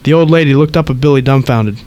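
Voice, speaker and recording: A man's voice: mid-range voice, quick pace, darkish tone, slight background noise. A man co-hosting a late-night radio talk show, reading a story aloud in a dry storytelling delivery.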